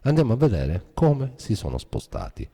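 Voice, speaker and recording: A man's voice: on the low side, huge pitch swings, moderate pace, vocal fry, dark tone. A man giving a guitar lesson, explaining a scale step by step in a methodical way. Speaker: guitar teacher. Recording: guitar playing behind voice.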